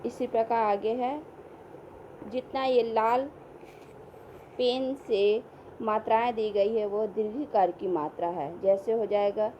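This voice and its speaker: A woman teaching a first-grade class, addressing the children and spelling out words slowly, syllable by syllable. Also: fairly high pitch, fairly even intonation, warm tone, highs cut off, slight background noise. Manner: slow, drawn-out syllable-by-syllable spelling. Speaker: primary school teacher. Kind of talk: classroom lesson.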